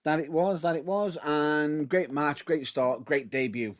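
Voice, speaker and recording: A man's voice: a little high, a little slow. A man co-hosting a podcast, laughing often and steering the talk onward. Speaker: podcast co-host. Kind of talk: casual chat.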